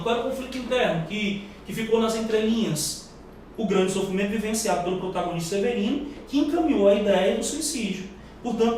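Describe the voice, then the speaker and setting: A man's voice: high voice, a little mellow. A male teacher with a Brazilian Portuguese accent running a live exam-prep class, quizzing the room in an emphatic, slangy way. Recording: echoey room, far mic, faint noise.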